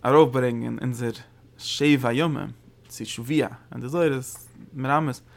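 Gravelly-voiced man teaching a religious text. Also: medium pitch. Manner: halting, repeats words and restarts phrases; sudden emphatic rises when stressing a point. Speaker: Torah teacher. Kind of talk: religious study lecture.

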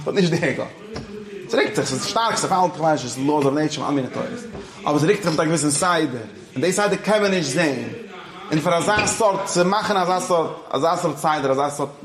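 Man, informal religious teacher, higher-pitched voice, mixes Yiddish and English, keeps asking if listeners follow. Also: reverberant. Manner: switches between Yiddish and English, often checks in with listeners.

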